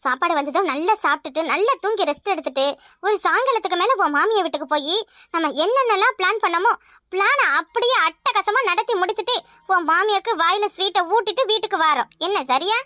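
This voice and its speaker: A woman voicing a bossy, scheming village mother in a cartoon, with a Kanyakumari Tamil accent, scolding loudly and doting in turns. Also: very high voice, animated, fast talker, dry recording, clean studio sound, heavily acted. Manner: loud, scolding yet doting.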